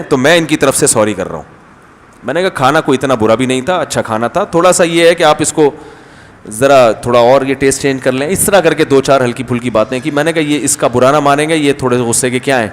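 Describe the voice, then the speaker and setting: A man giving a conversational religious lecture, telling stories and acting out the people he quotes. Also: fairly high pitch. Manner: storytelling, animated, acts out quoted people. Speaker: Islamic scholar giving a talk. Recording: long hall reverb.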